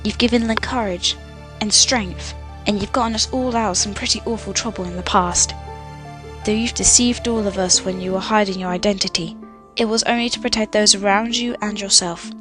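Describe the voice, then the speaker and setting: A woman's voice: mid-range voice, fairly even intonation, fairly quick, lightly acted. A woman playing a gracious, resolute young princess in an amateur fantasy radio play, speaking formally and earnestly. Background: loud music.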